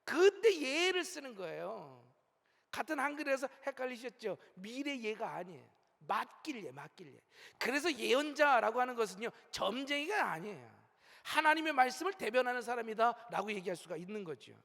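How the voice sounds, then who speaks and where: Emphatic high-voiced male pastor, church echo. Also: big pitch swings, moderate pace, creaky, a bit bright. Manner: emphatic preaching, rising and falling, leads the congregation in call-and-response. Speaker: senior pastor. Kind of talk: sermon. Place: large church sanctuary. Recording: long hall reverb from a church sanctuary.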